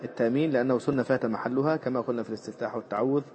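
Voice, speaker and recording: A man's voice: steady tone, rapid-fire, a little mellow. A male teacher gives a lesson on Islamic jurisprudence, reading lines from a classical text and then explaining them with fillers and repetition. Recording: muffled low-fidelity recording with faint background noise.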